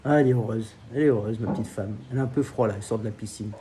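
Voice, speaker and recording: A man's voice: on the low side, racing, dark tone, slight background noise. A man from France telling crude, joking anecdotes about selling knives in a casual vlog, swearing often. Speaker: knife seller. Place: at home by a pool.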